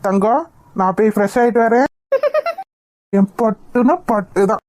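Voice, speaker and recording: A woman's voice: on the high side, moderate pace, a little mellow, dry recording, studio quality, lightly acted. A woman voicing a doting, protective young father. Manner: threatening, doting.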